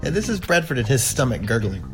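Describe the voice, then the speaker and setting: A man's voice: medium pitch, sing-song, quick pace, over music. A man co-hosting a podcast with playful, jokey casual chat, recorded in a big, echoey, cavernous room. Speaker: podcast co-host.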